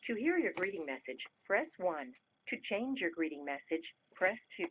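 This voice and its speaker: A woman's recorded voicemail prompts giving measured, clipped instructions, heard over a landline phone. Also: lowish voice, very animated, husky. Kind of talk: recorded system announcements. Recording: muffled phone line, faint hiss.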